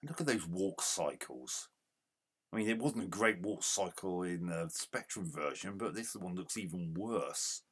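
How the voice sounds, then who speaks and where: A man giving casual gameplay commentary as a retro game reviewer, grumbling in exasperation and yelling at the game. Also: low-pitched, lively intonation, a little slow, slightly rough.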